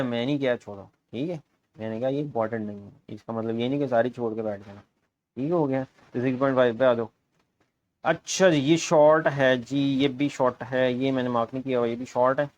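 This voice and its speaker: A man with a Punjabi-influenced Urdu accent, a math teacher walking students briskly through an exam guess paper, repeating key points in an encouraging way. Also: medium pitch. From Pakistan.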